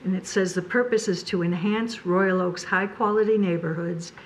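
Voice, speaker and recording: A woman on a city zoning board giving her view in discussion, measured and deliberate, citing the master plan. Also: fairly low pitch, fairly even intonation, a little hiss or hum, poor audio.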